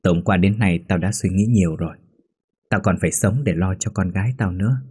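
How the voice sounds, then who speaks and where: A man's voice: deep voice, a little fast, a little mellow, slightly rough. A man voicing a young, hot-tempered businesswoman who is a new mother, with a raised, tearful voice. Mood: cold. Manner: tearful, sobbing pleas.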